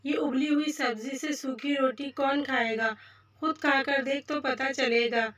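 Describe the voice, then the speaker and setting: A sharp-tongued old mother-in-law who grumbles and demands, as a woman puts her on in a storybook reading. The voice is high and bright, delivered unhurried and a little distant from the mic. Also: fairly even intonation. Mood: grumbling. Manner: sarcastic complaining.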